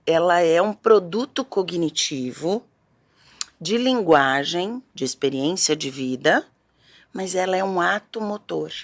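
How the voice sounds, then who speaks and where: Lower-pitched woman explaining patiently. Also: fairly bright tone. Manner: didactic, explains step by step with frequent "né?". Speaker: speech therapist guest. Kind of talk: explanatory interview talk.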